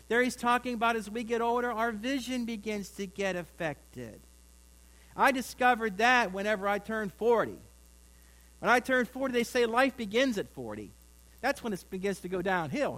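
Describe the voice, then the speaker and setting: A man's voice: high voice, fairly bright tone, poor audio. A middle-aged man preaching a sermon in a folksy, rambling way, with asides to his congregation. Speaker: pastor.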